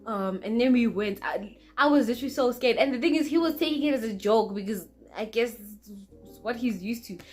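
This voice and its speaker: A young woman telling a dramatic, animated storytime to her vlog audience. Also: fairly high pitch, brisk, faint music behind. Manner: animated, dramatic, acts out quotes. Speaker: vlogger. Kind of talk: casual storytime.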